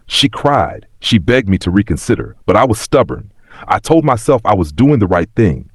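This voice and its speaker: A man acts out a regretful, very old man reflecting plainly on his life in a read story. The voice is deep and husky, rising and falling expressively. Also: very animated, moderate pace, no echo, clean studio sound, exaggerated voice. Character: wistful, regretful ninety-year-old man telling his past. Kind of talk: scripted story reading.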